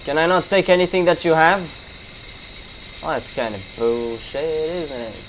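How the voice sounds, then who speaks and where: A man's voice: on the high side, a little slow, fairly bright tone, a little hiss or hum. Young man swearing over game gunfire. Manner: swearing, reactive, talking to himself. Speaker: gamer streamer. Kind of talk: casual gameplay commentary. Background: gunshots and game ambience.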